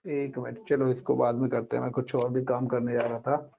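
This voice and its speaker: Explaining commands in a casual screen-share Linux class, the instructor speaks a little fast in a medium-pitched, level, dark voice with vocal fry. He chats as he walks students through each step, mixing in English words. The dull lo-fi recording has a little hiss or hum.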